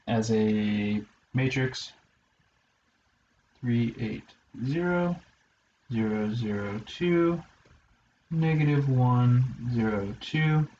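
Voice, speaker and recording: Speaking in a medium-pitched, darkish voice, a man lectures on college math, narrating each step to himself with fillers and dry asides. The recording sounds roomy and slightly dull, lo-fi with a faint hiss.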